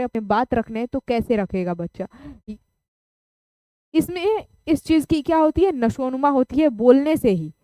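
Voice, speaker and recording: A woman's voice: sits high, mellow, smooth, dry recording. A woman teacher giving an online class lecture, explaining with everyday examples and checking in with her students.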